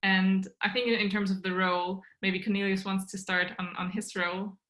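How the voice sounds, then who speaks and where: Her voice is medium-pitched, level, and a bit bright, and she talks a little fast. She is a young Austrian woman whose native language is German, a startup co-founder giving podcast interview answers by video call from a small bedroom at home, earnestly explaining what she does.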